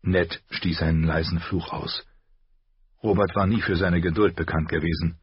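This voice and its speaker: A man reading an audiobook in measured, scripted narration. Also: deep voice, steady tone, husky, dry recording, muffled recording. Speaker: audiobook reader.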